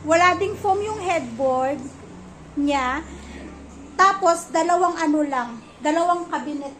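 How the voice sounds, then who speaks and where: A woman vlogger at home, rambling through a gossipy story in a casual, chatty way and repeating herself. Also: high-pitched. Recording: noisy home recording.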